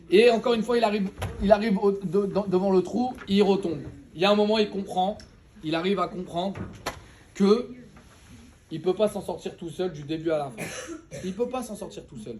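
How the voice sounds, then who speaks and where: A man teaching a casual Torah lesson, telling a parable in an animated, slangy way and joking with his listeners. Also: sits high, moderate pace, slight background noise.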